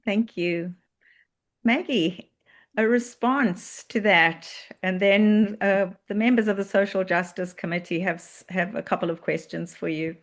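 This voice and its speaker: A woman's voice: medium pitch, a little slow. A woman moderating a webinar over a video call, thanking speakers and briefly handing over. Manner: brief, polite handovers.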